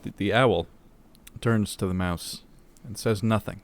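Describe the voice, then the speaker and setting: Low-voiced man reading jokes aloud. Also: measured pace. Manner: reads jokes aloud with laughing asides. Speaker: podcast co-host reading jokes. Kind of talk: casual podcast banter.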